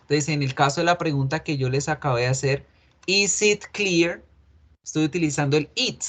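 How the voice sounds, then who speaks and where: A man, teaching an online English class. His voice sits a little high, and he explains patiently, repeating examples slowly. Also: steady tone.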